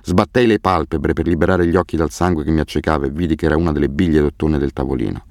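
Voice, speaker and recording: A man reading a first-person novel aloud as an audiobook narrator, in a grave, measured way. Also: a bass voice, steady tone, darkish tone, dry recording, clean studio sound. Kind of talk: scripted narration.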